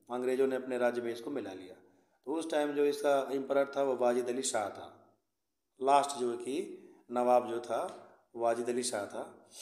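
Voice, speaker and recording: Male history tutor, mid-pitched, patient explaining voice, recorded in an echoey room. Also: a little mellow. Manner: repeats "theek hai", mixes English words. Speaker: history teacher. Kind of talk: explanatory lesson.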